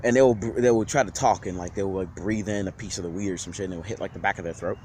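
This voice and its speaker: A man's voice: deep voice, fairly even intonation, very fast, mellow, slight background noise. A man on a casual vlog giving an off-the-cuff rant, slangy and profane, rambling with many restarts. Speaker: vlogger.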